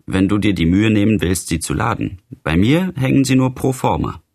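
A man's voice: lowish voice, animated, normal speed, gravelly, a little mellow, slightly rough, heavily acted. A man voicing a sober, reasoning young Albert. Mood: chatty. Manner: level-headed, matter-of-fact, mildly impatient. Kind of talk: literary audiobook reading.

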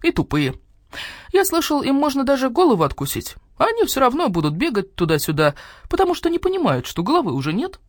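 A woman voicing a rude, boastful young badger-cat in a storybook, talking in a high, cocky way. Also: huge pitch swings, brisk, no room sound, studio quality, exaggerated voice.

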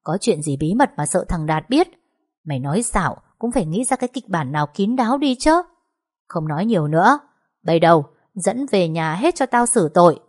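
A woman's voice: on the low side, animated, brisk, a little mellow, husky. A woman voicing a domineering older mother-in-law, scolding sharply.

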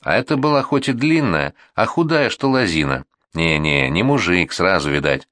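A scrawny, easily offended gunman whines and complains, as a male reader puts him on. His voice is low yet jumps up in pitch, recorded dry and close. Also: lively intonation, normal speed, a bit bright, no echo. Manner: whining, offended. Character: whiny petty male anarchist gunman.

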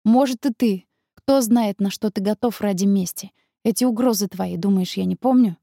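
A woman's voice: mid-range voice, moderate pace, vocal fry, mellow, no echo, studio quality. A woman reading an audiobook, voicing a stubborn young man who threatens his rival. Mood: threatening. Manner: cold, threatening.

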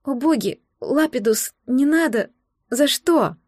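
A woman's voice: high voice, lively intonation, takes it slowly, dry recording, clean studio sound, exaggerated voice. A woman voicing a frightened, pleading young woman. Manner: quiet, trembling, barely audible.

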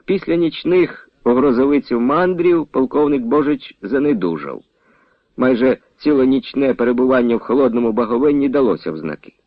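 A man narrating a novel in an expressive storytelling manner. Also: medium pitch, a little fast, dry recording, lo-fi sound.

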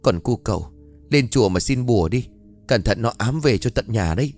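A man voicing a big, short-tempered tattooed man who scolds gruffly and fast. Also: medium pitch, animated, darkish tone, soft background music. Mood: shaken.

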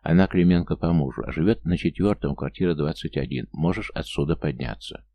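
A man voicing a suspicious, sharp-eyed old woman in an audiobook, blunt and wary. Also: rumbling low, a little fast, no echo. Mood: mocking. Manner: wary, blunt, then mocking.

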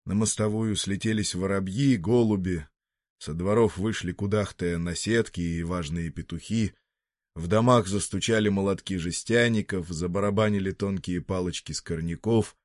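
A man reading a story aloud in a measured, even storytelling manner. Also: deep voice, dry recording, clean studio sound. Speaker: narrator. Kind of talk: scripted narration of a story.

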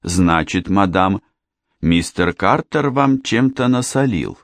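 A man's voice: sits low, lively intonation, slow pace, no room sound, clean studio sound, full character voice. A male narrator voicing a cautious, apologetic police inspector. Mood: probing. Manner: apologetic and careful. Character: polite, cautious police inspector, eager to please.

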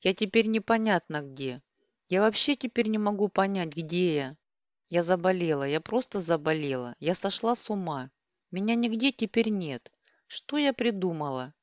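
A woman's voice: on the low side, expressive, moderate pace, no echo, clean studio sound, lightly acted. A woman voicing a distraught young woman who is crying and pleading. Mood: despairing.

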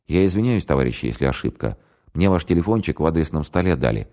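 A man's voice: very deep voice, very animated, quick pace, dark tone. A man voicing a polite, slightly embarrassed male caller who apologizes courteously. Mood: polite, sheepish.

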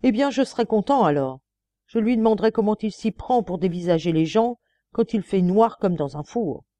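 A woman's voice: mid-range voice, lively intonation, moderate pace, warm tone, no echo, lightly acted. A woman reading the part of a defiant, ironic male murder suspect under questioning. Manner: mocking, then indignant pleading.

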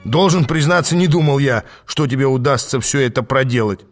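A smooth-talking male demon, glib and haughty, always a step ahead of everyone, as a man reads him aloud. He speaks a touch higher and brighter than the narrator's plain voice, persuasive and sure of himself. An audiobook character reading. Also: fairly quick, soft background music, close to an everyday voice. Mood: gloating. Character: cocky scheming male demon, smooth talker.

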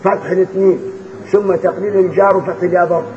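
A man with an Egyptian Arabic accent teaches Quran recitation in a high voice, quizzing his students and chanting verses slowly. The recording is tinny and phone-like, with steady noise behind him. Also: echoey room. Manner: repeats verses in slow chanted recitation between quick explanations. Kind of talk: explaining recitation rules to students.

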